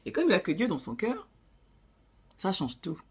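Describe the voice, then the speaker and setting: A woman's voice: fairly low pitch, wildly swooping pitch, normal speed, husky. A woman with an African accent giving blunt, preachy relationship advice in a casual vlog, dropping in English phrases.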